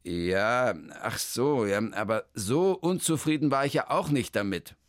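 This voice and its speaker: A man's voice: medium pitch, expressive, unhurried, dry recording, studio quality, voice pushed up, natural voice. A man voicing a flustered, stammering male concert pianist in a children's story. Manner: hesitant, stammering.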